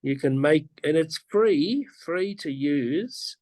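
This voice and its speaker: A male teacher with a fairly high, darkish voice and lively intonation talks through classroom ideas on a video call with no echo. The interview is casual, and he goes patiently and slowly, frequently restarting or repeating himself.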